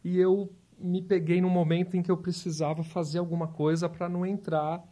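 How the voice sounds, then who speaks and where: A volunteer hospital clown in his fifties from Porto Alegre, in southern Brazil, tells his story in an interview, reflective and storytelling, with repeated restarts. His voice sits high with a level tone, a fairly quick pace, and a warm quality.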